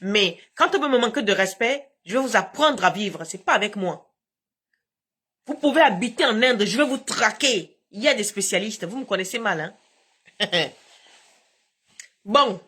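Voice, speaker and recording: A woman's voice: medium pitch, animated, normal speed, long pauses, fairly bright tone, breathy edge. A woman hosting a casual live stream from home on her phone, talking in a combative, emphatic way with frequent laughs.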